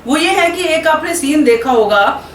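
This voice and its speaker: A woman's voice: high voice, lively intonation, moderate pace. A woman hosting a film vlog, telling stories casually and chatting with her viewers. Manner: chatty, laughs while telling. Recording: roomy echo, distant mic, faint hiss.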